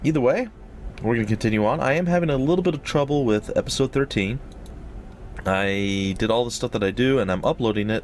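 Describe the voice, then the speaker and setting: A man with a slightly wheezy, breathy-noisy voice giving casual, rambling, jokey commentary as host of a gaming let's play. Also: on the low side. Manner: rambling, jokey, repeats phrases for effect.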